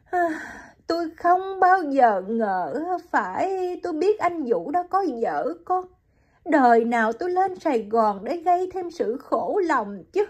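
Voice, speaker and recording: A woman's voice: big pitch swings, takes it slowly, a little mellow, full character voice. A woman voicing a heartbroken young mother in an audiobook, speaking in a choked, pleading way. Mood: distraught. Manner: choked, pleading and high-pitched.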